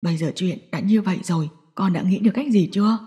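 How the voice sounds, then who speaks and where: A tearful older father speaks in a low, choked-up voice, as a woman puts him on. He sounds pleading and soft in this audio story. The tone is dark and mellow. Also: quick pace, natural voice.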